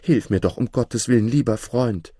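A man's voice: mid-range voice, moderate pace, dark tone, slightly rough, no room sound, studio quality, lightly acted. A man voicing a naive, cheerful young simpleton who speaks eagerly and earnestly.

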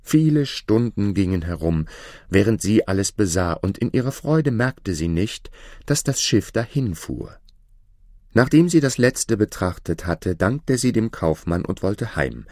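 A man reading a fairy tale aloud in a deliberate, expressive storytelling manner. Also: lowish voice, no echo, studio quality.

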